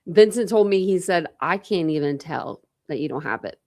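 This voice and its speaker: A young true crime livestream host with a slight lisp chats casually and rambles, answering viewers' comments. Her voice is lowish, darkish, and expressive, at normal speed.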